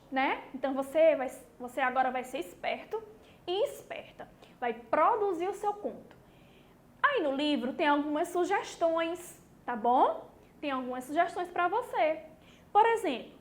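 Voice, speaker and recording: A woman from Brazil teaching a recorded class to young children. She acts out her pupils' questions and keeps checking in with them. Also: high-pitched. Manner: lively, acts out imagined student questions, checks in with "tá bom?".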